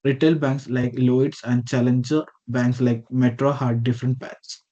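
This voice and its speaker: A man's voice: mid-range voice, flat delivery, unhurried, mellow. Man presenting over a muffled video call. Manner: reads from a script with small slips and self-corrections. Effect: heard over a video call. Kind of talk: reading a prepared slide presentation.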